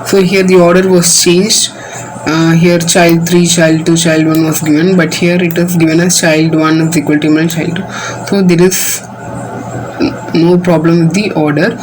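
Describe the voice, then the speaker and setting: A woman's voice: fairly low pitch, level tone, moderate pace, darkish tone, slight background noise, low-quality recording. A woman teaching a computer science class. She walks patiently through code line by line, starting most sentences with "so". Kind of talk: classroom coding demo lesson.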